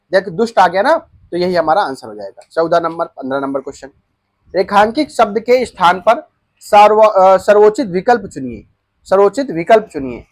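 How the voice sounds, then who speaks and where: Young male exam tutor, high voice, repeats answers and checks in with the class. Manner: explains answers by repeating them and checking in with students. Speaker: exam coaching teacher. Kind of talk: Hindi exam-prep lesson.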